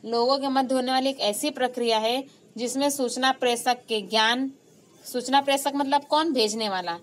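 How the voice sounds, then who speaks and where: A woman teacher with a slightly high voice gives an online class lecture. She explains patiently and repeats key terms. She stresses example phrases loudly. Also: normal speed, rough recording.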